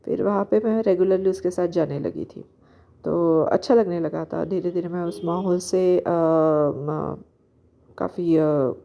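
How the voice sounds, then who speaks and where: A young woman telling a personal spiritual story, hesitant and pausing often with fillers. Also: lowish voice, steady tone, gravelly. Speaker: spiritual vlogger. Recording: dull lo-fi recording.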